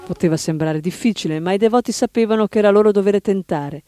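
High, mellow-voiced male reader. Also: fast, soft background music. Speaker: narrator. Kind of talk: reading a biography aloud.

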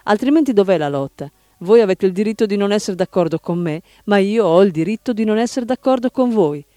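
A man's voice: sits high, animated, brisk, dry recording, studio quality. Man reading as an insistent old spiritual teacher. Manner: emphatic, rising to sudden shouts. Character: elderly male spiritual teacher, firm and insistent.

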